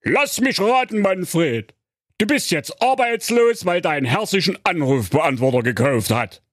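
A bossy, blustering donkey. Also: male voice, high voice, lively intonation, unhurried, dry recording, clean studio sound. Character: bossy, hot-tempered male donkey bandleader. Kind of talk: comedic radio play.

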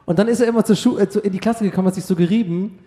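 A man's voice: sits high, racing, mellow, big-room sound. A man co-hosting a casual chat, rambling through stories and laughing often. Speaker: podcast co-host.

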